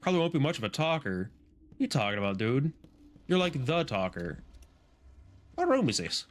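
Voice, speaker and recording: A man's voice: medium pitch, wildly swooping pitch, moderate pace. Jokey man rambling through a game. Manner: rambling, jokey, swears, laughs. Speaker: streamer. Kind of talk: casual gameplay commentary.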